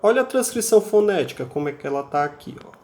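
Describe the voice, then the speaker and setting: In a recorded online English class, a Brazilian Portuguese-accented man speaks fast and expressively in a high, darkish voice. He explains patiently, repeats words again and again for pronunciation practice, and frequently closes phrases with a checking tag.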